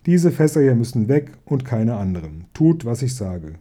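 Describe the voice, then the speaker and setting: A man voicing a grumpy old male elf cellarman in a storybook reading, gruff and grumbling. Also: mid-range voice, sing-song, moderate pace, mellow.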